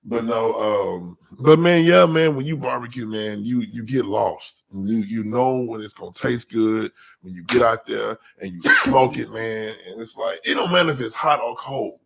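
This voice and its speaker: A man hosting a casual talk show, telling animated stories in an easygoing chat. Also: on the low side, gravelly. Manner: animated storytelling, drawn-out complaints. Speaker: podcast host.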